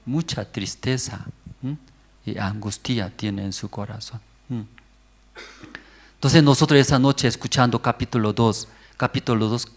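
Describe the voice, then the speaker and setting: A male pastor preaching at a prayer service in short, simple bursts, constantly checking in with the congregation and rising to loud, animated questions. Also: medium pitch. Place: church service.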